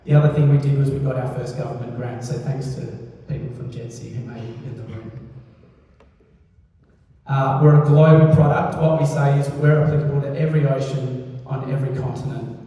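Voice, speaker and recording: A man giving an informal startup pitch on stage, hesitant, with frequent ums. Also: fairly even intonation, fairly quick, lo-fi sound. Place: large echoey event venue. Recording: echoey hall, distant microphone.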